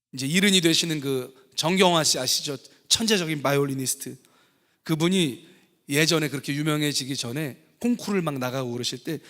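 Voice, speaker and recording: A male pastor preaching a lively sermon, asking his congregation questions as he goes. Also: on the high side. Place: church sanctuary. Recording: long church hall reverb.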